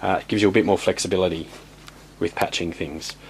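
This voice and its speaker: A man giving a casual, rambling walkthrough of his home studio gear, blunt and offhand, with many ums and restarts, his voice going hoarse. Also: low voice, fairly even intonation, brisk, slight background noise. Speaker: home studio tutorial host.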